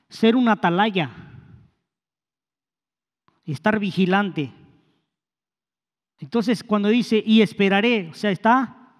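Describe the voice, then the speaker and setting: A man preaching a sermon in a conversational way, with hesitant restarts and rhetorical questions. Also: high-pitched. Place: church hall. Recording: long hall reverb.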